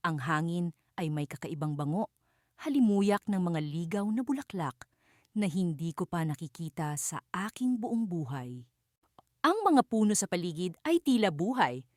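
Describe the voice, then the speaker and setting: A woman narrating a fantasy storybook in the first person, in an expressive, dramatic way. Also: lowish voice, dry recording, studio quality.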